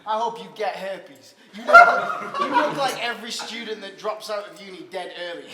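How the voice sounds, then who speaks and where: Mocking battle rapper, echoey venue. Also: male voice, high voice, sing-song, moderate pace. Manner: mocking, crude, laughing between bars. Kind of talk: battle rap verse. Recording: echoey, noisy live venue.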